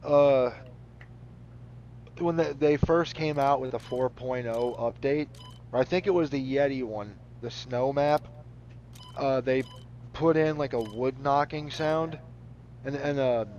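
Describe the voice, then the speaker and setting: A man's voice: mid-range voice, takes it slowly, pauses often, a little mellow, highs cut off, a little hiss or hum. Rambling, laid-back gaming man. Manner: rambling, laughs often, swears casually. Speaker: gaming channel host. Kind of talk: casual commentary over gameplay.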